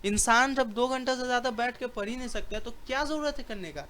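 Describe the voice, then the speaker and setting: A man's voice: extremely high pitch, fast, pushed and bright, slight background noise. A man giving a motivational lecture to students on study skills in an auditorium, talking emphatically and colloquially, repeating phrases and asking rhetorical questions.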